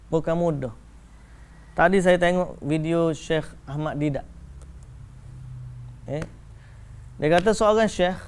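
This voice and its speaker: A male religious teacher, giving a lecture to a live audience and telling stories in a lively way, acting out the dialogue. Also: high-pitched, gravelly, clear, resonant tone. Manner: lively storyteller who acts out dialogue in shifting voices.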